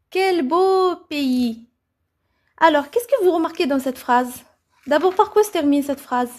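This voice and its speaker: High-voiced woman teaching grammar. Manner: asks the class questions and answers them herself; repeats "c'est bon?" to check understanding. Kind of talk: grammar lesson for children.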